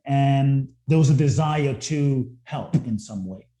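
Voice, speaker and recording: Speaking slowly in a mellow, mid-range voice, this man shares his story as a guest speaker. Ghanaian-born and London-raised, he is earnest and reflective, often repeating words to start sentences, with roomy echo in the recording.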